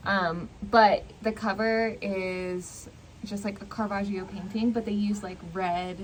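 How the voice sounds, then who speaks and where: Speaking a little slowly, this young book vlog co-host talks about books in a loose, hesitant way, with lots of fillers. Her mid-range voice keeps a fairly even intonation. Behind her there's ambient noise with people in the distance.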